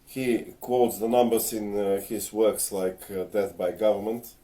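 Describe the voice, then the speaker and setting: A man's voice: on the low side, steady tone, a little slow, mellow. A man from Bulgaria, a little tipsy, ranting earnestly and lecturing at home, with hesitant fillers. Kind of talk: casual on-camera rant. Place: home, in front of a ring light.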